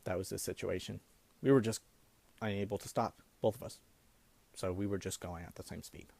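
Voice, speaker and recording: A young man telling a comic personal story in an animated way, now and then breaking into laughter. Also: sits low, fairly quick, creaky, no room sound.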